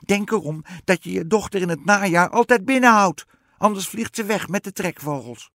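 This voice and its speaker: A shrill, bossy old witch from a storybook fairy tale, as a man puts her on. She shouts down from her tree in a high, cracking voice that swings wildly, with a husky edge. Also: huge pitch swings, moderate pace, no room sound, clean studio sound, heavily acted. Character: old scatterbrained female witch in a pear tree. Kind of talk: audiobook storytelling.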